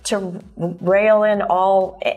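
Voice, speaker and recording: A woman's voice: medium pitch, little pitch movement, slow, darkish tone, dull audio, soft background music. A woman hosting an interview, asking questions and affirming her guest in a supportive conversational way. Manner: encouraging, affirming listener. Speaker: interview host.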